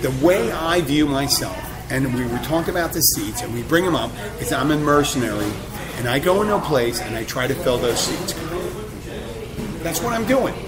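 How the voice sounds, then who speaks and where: A man in his fifties hosting a casual chat, animated and joking as he rambles from one story to the next. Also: medium pitch, normal speed. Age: 50s. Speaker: host. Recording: loud crowd chatter behind.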